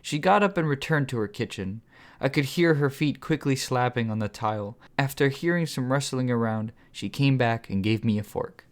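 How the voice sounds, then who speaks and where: Guy narrating his own audiobook, mid-pitched voice, calm steady reading. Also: moderate pace. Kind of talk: first-person audiobook narration.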